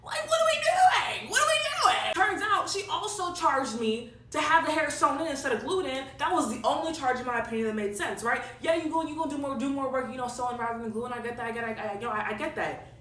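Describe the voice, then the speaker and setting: A woman telling a salon horror story in an exasperated, swearing rant, swinging from low mutters to loud outbursts. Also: fast talker, roomy sound, recorded from a distance, background noise. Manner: swears casually. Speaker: storyteller in a reacted-to video.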